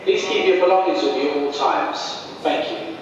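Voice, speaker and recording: A man's voice: a little high, moderate pace. Male security announcement over station speakers, firm and formal, dull and distant. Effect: train station public address announcement. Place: large railway station concourse. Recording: dull, echoey loudspeaker heard from afar with loud noise.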